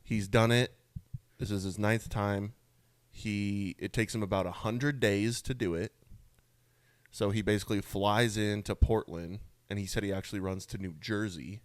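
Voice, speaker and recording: Laid-back young guy cohosting a podcast, kinda low voice, dry studio mic. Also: fairly even intonation, normal speed, no room sound. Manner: laid-back storytelling, swears casually. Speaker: podcast co-host. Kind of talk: casual chat.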